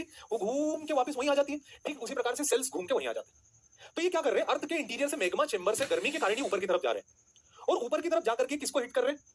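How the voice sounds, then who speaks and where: Guy teacher, fast and bouncy, slightly husky voice, keeps asking the class stuff then answers it. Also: extremely high pitch. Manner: asks students questions then answers them himself; calls students beta, jokingly threatens them. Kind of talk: online class lecture.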